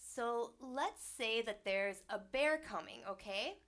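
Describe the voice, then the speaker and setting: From a small home studio, a woman who is a host and sound healer leads a livestreamed spiritual talk. Her voice is a little high with lively intonation, and her delivery is soft, soothing, and unhurried, though she sounds slightly congested.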